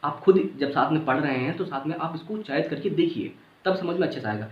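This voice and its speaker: A man's voice: on the high side, expressive, fast. A male teacher giving a casual grammar lesson, sounding out vowels aloud and checking that the class follows. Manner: casual, repeats points, checks understanding. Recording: echoey room, dull lo-fi sound.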